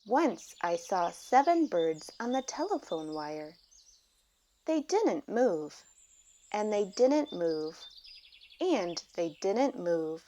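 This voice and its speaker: A woman reading a children's picture book aloud, with deliberate, expressive phrasing for young children. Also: mid-range voice, a little hiss or hum. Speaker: storybook reader.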